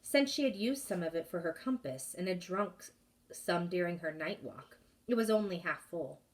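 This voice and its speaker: A woman teacher reading a chapter book aloud to her class, expressive and pausing to ask questions. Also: lowish voice, recorded from a distance.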